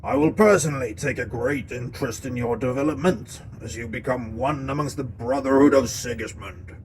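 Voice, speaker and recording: A man voicing a stern older warrior-priest who makes slow, solemn pronouncements. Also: medium pitch, a little mellow, slight background noise, lightly acted, low-quality recording. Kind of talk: audiobook-style story narration.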